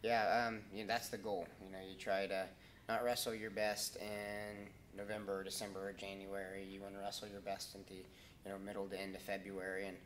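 Wrestling coach in his 30s, lowish voice, lots of ums, faint room hum behind. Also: monotone, a bit bright. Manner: halting, many ums and restarts. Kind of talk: casual interview answers. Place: school wrestling room, indoors.

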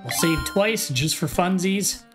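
A man's voice: sits high, lively intonation, a little slow. A tired man in his thirties chatting casually on a video game livestream. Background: game music.

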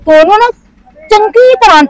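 A woman's voice: very high-pitched, animated, fairly quick, a crowd in the background. A young woman, playing a lovesick village college girl who pushes her friends for help. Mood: pleading. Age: young adult. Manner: pushy, pleading with her friends. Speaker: college student. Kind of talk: village family drama acting.

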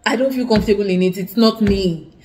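With a medium-pitched, darkish voice and a quick pace, a young Nigerian woman with an Igbo accent vlogs from her living room. As a student giving earnest, casual advice to camera, she keeps repeating herself and restarting sentences.

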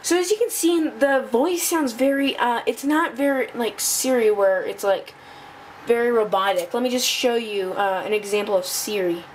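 A woman presenting a casual tech demo off the cuff, halting and thinking aloud as she goes. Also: on the high side, poor audio. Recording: noticeable background noise.

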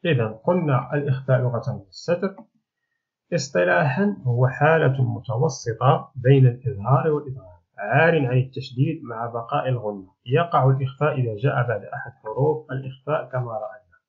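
A man teaching a recorded remote lesson, explaining patiently step by step with frequent pauses. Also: mid-range voice, gravelly, breathy edge. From Morocco. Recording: tinny phone-like audio.

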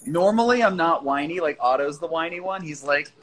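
Over poor audio with a crowd audible behind him, a man with a fairly high, expressive voice talks fairly quickly. He's hosting a casual livestream from his phone, loose and jokey, swearing freely with viewers who join.

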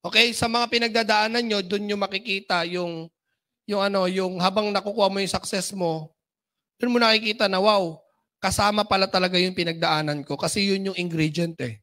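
Brief: high-pitched male trainer, animated seminar coach who keeps asking listeners for agreement. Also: fairly quick. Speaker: business trainer. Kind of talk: motivational seminar talk.

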